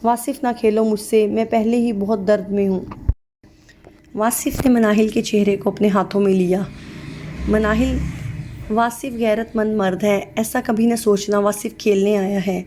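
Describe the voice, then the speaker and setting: A woman's voice: medium pitch, steady tone, mellow, a little hiss or hum. A woman reading a sad story aloud as scripted narration, voicing every part in one plain voice.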